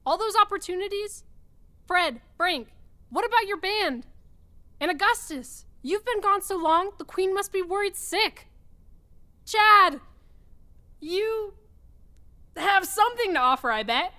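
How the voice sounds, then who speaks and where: A woman's voice: extremely high pitch, lively intonation, a little slow, pauses often, sharp tone, exaggerated voice. A woman playing a determined, feisty young city ladybug in a children's audio drama, dramatic and urgent. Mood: rousing, determined.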